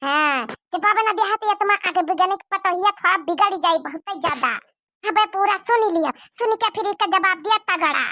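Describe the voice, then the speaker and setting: A woman's voice: fairly quick, pushed and bright, no room sound, studio quality. A woman voicing a dramatic, gossiping village aunt in a cartoon, wailing in an Awadhi accent. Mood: panicky. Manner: melodramatic, wailing, shrill. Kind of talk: cartoon dubbing.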